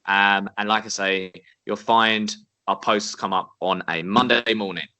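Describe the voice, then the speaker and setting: A man's voice: lowish voice, steady tone, a little slow, pushed and bright, no room sound. A young man, co-hosting a casual podcast in an upbeat, encouraging, chatty way. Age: 20s. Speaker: podcast co-host. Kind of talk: casual chat. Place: at home, indoors.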